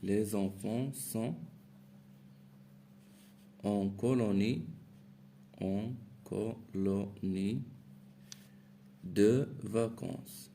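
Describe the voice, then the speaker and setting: Slow man teaching grammar. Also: on the low side, fairly even intonation, creaky, warm tone, a little hiss or hum. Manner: slow, repeats phrases, mixes French with Moroccan Arabic words. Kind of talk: grammar lesson walkthrough.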